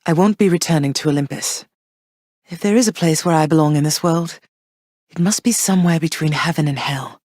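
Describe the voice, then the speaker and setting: A woman's voice: deep voice, a little fast, a little mellow, dry recording, clean studio sound. An actress voicing Persephone, a tender, proud goddess mother who speaks in formal, old-fashioned phrases. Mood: wistful. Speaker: game character voice. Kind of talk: game voice lines.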